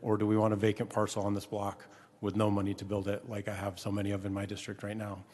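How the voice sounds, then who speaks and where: Low, flat-voiced man in a council chamber. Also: in a large hall. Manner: measured, earnest, with frequent "um" fillers. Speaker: city council president chairing a meeting. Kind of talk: formal council meeting remarks.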